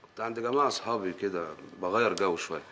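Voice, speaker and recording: A man's voice: fairly low pitch, rapid-fire, a bit bright, lightly acted. An actor playing a grown son who answers his mother with dry, defensive retorts, in Egyptian Arabic. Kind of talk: film acting.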